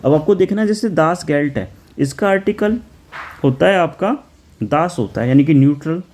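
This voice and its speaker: A man's voice: fairly high pitch, lively intonation, normal speed, darkish tone, slight background noise. A man teaching German for an exam, explaining each answer step by step, chanting article tables aloud and reading English questions.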